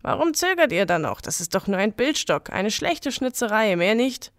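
A woman voicing a sly, smooth-tongued little stranger in red, a devil-like tempter with a croaking voice in a spoken legend. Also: fairly high pitch, sing-song, normal speed, no echo, studio quality. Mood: eager.

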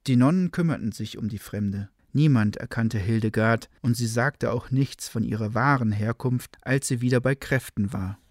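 A man tells an old legend in a calm, even storytelling manner. His voice sits at an ordinary middle pitch. The close recording is dry, with no room echo. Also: moderate pace, few pauses. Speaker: narrator.

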